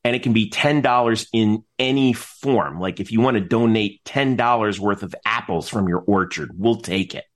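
A middle-aged man, who is an interview guest, announcer and teacher, explains things casually in a rambling, animated way, often cutting himself off mid-thought. His voice is fairly low, his pace moderate, with hardly any pauses.

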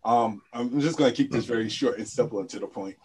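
A man's voice: medium pitch, fast, darkish tone, slightly rough, low-quality recording. A man co-hosting a casual sports podcast, talking in a laid-back, rambling way full of "like" and "you know". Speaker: podcast co-host.

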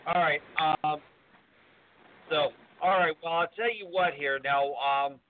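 A man hosts casual talk radio in a halting, meandering way. His voice is slightly high, and the audio is thin and phone-like. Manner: halting, meandering, repeats himself. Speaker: radio show host. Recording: tinny phone-like narrowband audio.

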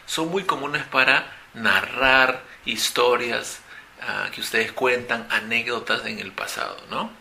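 Man, very bright voice, upbeat English teacher, slow careful repetition. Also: medium pitch, creaky, slight background noise. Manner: upbeat, slowly spells out English phrases. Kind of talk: audio language lesson.

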